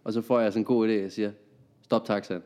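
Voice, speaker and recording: A man, a comedian and podcast guest, telling a story in a lively, laughing way. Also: fairly low pitch. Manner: animated, laughing anecdote telling.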